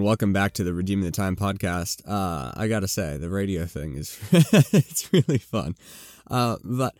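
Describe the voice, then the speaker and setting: Lively, low-voiced male podcast host. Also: no echo, clean studio sound. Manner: conversational, with frequent fillers and asides. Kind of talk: casual Bible-teaching podcast talk.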